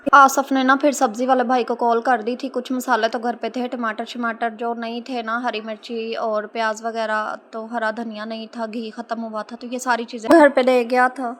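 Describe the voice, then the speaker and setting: Chatty Pakistani woman, flat-toned voice-over. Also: fairly high pitch, moderate pace, hardly any pauses. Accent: Pakistani Urdu. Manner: chatty, storytelling, frequent filler particles. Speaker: housewife vlogger. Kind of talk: casual voice-over narration. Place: indoor room, no fan running. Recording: noisy home voice-over. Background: children playing and shouting.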